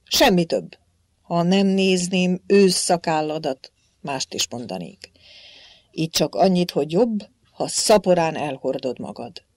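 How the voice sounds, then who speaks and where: A woman's voice: lowish voice, animated, a little mellow, dry recording, clean studio sound. A woman voicing a surly, rule-bound male gatekeeper monk who snaps and scolds. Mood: scolding. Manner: snappish, scolding.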